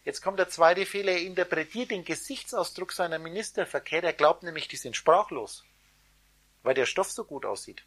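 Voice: mid-range voice, lively intonation, moderate pace. Dramatic German-speaking lecturer retelling a fable. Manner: dramatic, shifts loudness a lot, addresses listeners directly. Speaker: spiritual teacher giving a talk. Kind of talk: animated storytelling lecture to a live audience.

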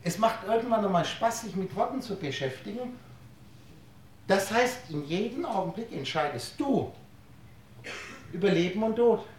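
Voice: medium pitch, lively intonation, normal speed, long pauses, a little hiss or hum. Distant lecturer in a very echoey room. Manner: rhetorical questions and wordplay, explains through everyday analogies. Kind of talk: spiritual lecture to a live audience.

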